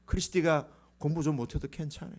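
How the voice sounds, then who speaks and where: A man's voice: fairly high pitch, fast, darkish tone. A male pastor preaching a sermon, quizzing the congregation and acting out quotes.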